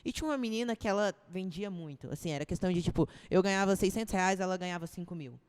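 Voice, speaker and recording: A woman's voice: fairly low pitch, quick pace, darkish tone, smooth. Chatty young Brazilian woman telling stories. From Brazil, Ceilândia (Brasília). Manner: chatty storyteller, slangy, many restarts. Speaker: personal trainer, podcast guest. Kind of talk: casual podcast conversation.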